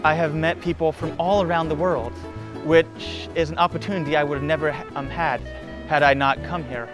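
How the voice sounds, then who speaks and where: A man's voice: fairly high pitch, steady tone, a little fast. A young man from the Czech Republic, a student spotlight operator, speaks carefully in a documentary interview. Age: young adult. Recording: music bed under the voice.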